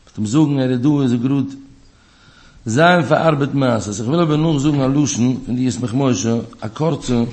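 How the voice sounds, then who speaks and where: A man's voice: moderate pace, a little mellow. Emphatic man giving a religious talk. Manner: emphatic, repeats key words, pitch rises and drops sharply. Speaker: religious teacher. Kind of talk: spoken Torah talk.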